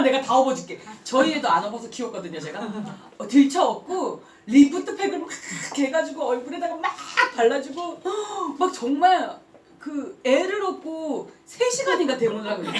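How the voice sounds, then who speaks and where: A woman in her thirties giving a motivational seminar talk, telling animated stories and laughing often. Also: sits high. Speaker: network marketing speaker. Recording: echoey room, heard from a distance.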